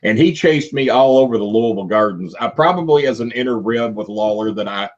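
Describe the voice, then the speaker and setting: A man from Kentucky tells stories with animated energy. His voice leaps high as he gets worked up. The recording sounds dull and lo-fi. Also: fairly quick. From Kentucky, USA. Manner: animated storyteller, voice jumps high when excited. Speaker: wrestling manager guest. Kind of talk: storytelling interview.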